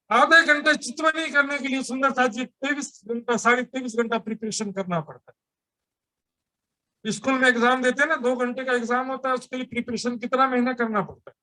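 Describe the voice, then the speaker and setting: A man's voice: very high voice, bright, forceful tone. A man giving a sermon at a temple gathering, explaining his teaching with everyday examples and rhetorical questions. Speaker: preacher.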